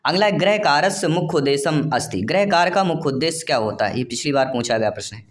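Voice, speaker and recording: A man's voice: on the high side, expressive. Man teaching an exam-prep lesson. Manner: reads questions slowly then explains in plain terms; addresses viewers warmly as dear friends and fellow teachers.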